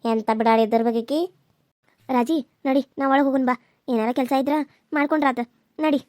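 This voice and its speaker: A woman voicing a sharp-tongued, scheming older village mother-in-law in a cartoon serial. She speaks with a North Karnataka accent. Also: dry recording, clean studio sound, lightly acted. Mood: scolding. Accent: North Karnataka Kannada. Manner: scolding, rapid, shrill. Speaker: voice actor.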